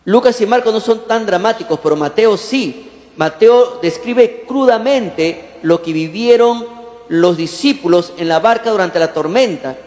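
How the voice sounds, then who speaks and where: A man preaches as pastor, his fairly high voice lively and full of questions thrown to the congregation. He acts out the lines he quotes. The church hall around him is roomy, with a long reverb trailing each phrase. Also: a little slow. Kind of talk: sermon.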